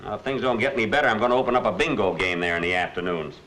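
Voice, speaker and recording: An American actor playing a broke, dithering lawyer in 1940s screwball comedy banter, dry and stammering. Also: male voice, on the low side, lively intonation, racing, fairly bright tone, rough recording. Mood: dry, wry. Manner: dry wisecracking, flustered stammering. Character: broke, dithering male lawyer, putting on a brave front. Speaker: lead film actor.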